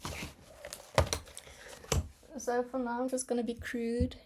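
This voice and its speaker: Her voice fairly high and monotone at a measured pace, a young Afrikaans-speaking woman vlogs about her art while stamping and sketching at her desk. She rambles casually with frequent ums and small laughs, and background noise is present.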